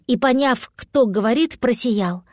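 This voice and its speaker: A woman's voice: fairly high pitch, a little slow, no echo, clean studio sound. Woman reading a children's story. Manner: calm, clear reading. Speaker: narrator. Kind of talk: storybook narration.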